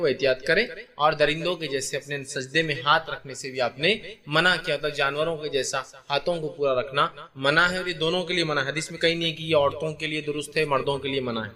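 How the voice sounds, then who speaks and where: A man's voice: on the high side, sharp tone. A man giving a religious lecture, explaining step by step and asking his listeners rhetorical questions. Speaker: Islamic teacher.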